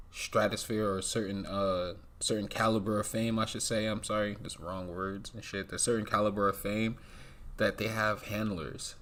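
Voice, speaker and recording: A man streaming and reacting to a clip in profane, incredulous commentary, laughing loudly. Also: fairly low pitch.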